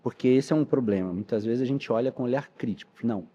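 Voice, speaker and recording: A man tells his testimony as a pastor on a podcast. He speaks earnestly and acts out the dialogue of his story. His voice is mellow and a little husky, and the recording sounds dull and lo-fi. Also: mid-range voice, quick pace. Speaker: pastor and missionary.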